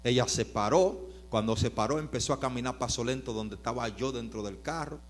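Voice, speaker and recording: A preacher tells a story in his sermon, with a mid-pitched male voice. He swings from loud, emphatic bursts to quiet, drawn-out narration. A faint mains hum runs underneath.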